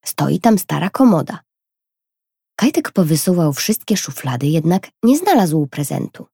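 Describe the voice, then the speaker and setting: A woman narrating a children's storybook in an expressive, lively reading. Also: low-pitched, a little slow, vocal fry, slightly rough, no room sound, studio quality.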